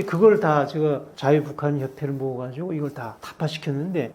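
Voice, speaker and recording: A man's voice: a little high, a little mellow. An older man from North Korea, telling his story in an interview with emphatic, indignant delivery. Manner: emphatic, indignant, acts out quoted officials. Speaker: interview guest, defector activist.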